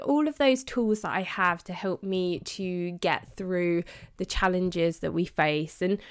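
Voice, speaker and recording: A woman's voice: mid-range voice, creaky. A middle-aged woman hosting a devotional podcast, speaking in a heartfelt, chatty way with many fillers. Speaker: podcast host.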